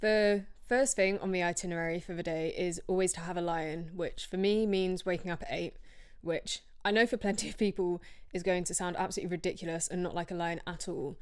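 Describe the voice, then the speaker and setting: A woman's voice: fairly low pitch, fairly even intonation, a little fast, few pauses, clean tone. A young woman hosting her own podcast, chatting in a rambling, self-deprecating way while tired from little sleep. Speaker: podcast host. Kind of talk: casual solo podcast chat. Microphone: podcast microphone.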